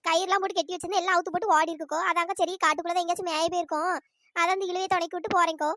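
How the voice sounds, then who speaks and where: A woman voicing bossy, bickering village women in a cartoon, with a pitch-raised voice. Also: steady tone, racing, pushed and bright, no room sound, clean studio sound. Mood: bickering chat. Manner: scolding, bickering, teasing. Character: bossy gossiping village women, scolding and sharp-tongued. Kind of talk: cartoon voice acting.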